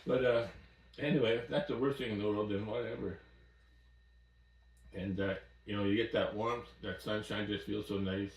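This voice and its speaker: A man's voice: on the low side, fairly even intonation, normal speed, distant mic. A man in his sixties, an outdoors vlogger, chatting to the camera in an easygoing, folksy storytelling way, indoors in a small cabin. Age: 60s. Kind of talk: casual chat to camera. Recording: roomy sound from off-mic.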